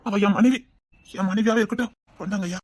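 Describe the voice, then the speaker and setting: A man playing a young groom who speaks quickly and earnestly, reassuring his bride. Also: high voice, slightly rough, no echo, clean studio sound. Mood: devoted. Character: young groom, devoted and protective. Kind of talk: Tamil web-series drama acting.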